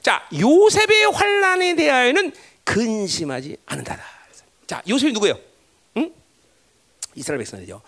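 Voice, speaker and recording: A man's voice: very animated, normal speed, a bit bright. A man preaching a sermon, emphatic, constantly asking the congregation for agreement. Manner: emphatic, pitch swinging widely, constant tag questions to the congregation. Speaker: pastor.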